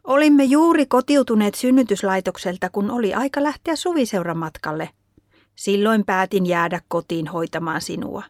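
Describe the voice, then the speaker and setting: A gentle, patient mother speaks softly and soothingly to her child, voiced by a woman reading the story. The voice sits somewhat higher and the sound is dry. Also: no echo, close to an everyday voice. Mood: tender.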